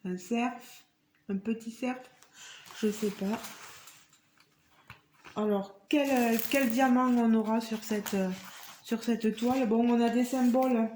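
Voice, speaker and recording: A woman with a fairly high voice unboxes a craft kit for her vlog, speaking slowly. She chats straight to her viewers and marvels at each piece. Her voice carries a roomy echo. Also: steady tone, mellow, slight background noise. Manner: chatty, addresses viewers directly; marvels at the items she shows. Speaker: crafts vlogger.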